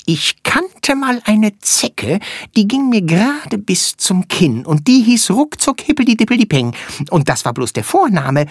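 A reader voicing a tiny, chatty, fussy male flea in a children's story, high and bouncy in manner. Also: big pitch swings, husky, dry recording, clean studio sound, exaggerated voice. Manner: high, bouncy and quick-witted. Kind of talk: storybook character voice.

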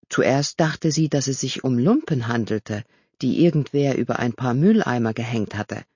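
Expressive storybook narrator, swooping lively pitch, husky voice, dry dull lo-fi recording. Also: no echo.

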